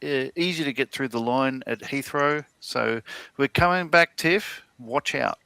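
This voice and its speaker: A middle-aged man with an Australian accent, telling a rambling story in a relaxed, chatty way. His voice is gravelly and bright, recorded very dry and close. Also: mid-range voice, a little slow, no room sound. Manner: rambling storyteller with many fillers and restarts. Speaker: livestream co-host. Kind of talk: casual chat.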